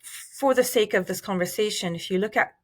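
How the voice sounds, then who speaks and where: A middle-aged woman from Iraq, a researcher giving measured, thoughtful interview answers with fillers and restarts. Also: mid-range voice. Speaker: researcher guest.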